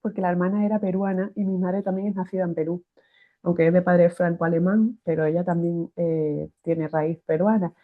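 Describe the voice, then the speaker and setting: A woman with a Spanish accent from Spain tells a personal faith testimony in a lively way, often restarting her phrases. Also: fairly low pitch, normal speed. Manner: animated, restarts phrases, acts out quoted voices. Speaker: guest giving a faith testimony. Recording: tinny phone-like sound.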